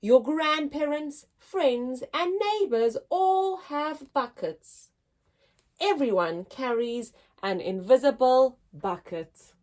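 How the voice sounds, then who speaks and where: A woman with a high voice reads a picture book aloud at a children's story time. She speaks expressively and deliberately, in a teacherly way aimed at young listeners.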